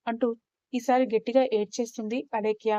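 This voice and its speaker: A woman telling a dramatic story in a steady, expressive storytelling voice. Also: on the high side, fairly quick, dry recording. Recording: slightly dull, muffled recording.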